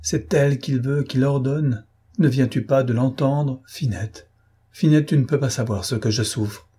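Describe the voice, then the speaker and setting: A man's voice: medium pitch, unhurried, warm tone, husky, voice pushed up. A man voicing a proud, lovesick young man who speaks in passionate, despairing outbursts in an audiobook. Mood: anguished. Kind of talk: audiobook character voice.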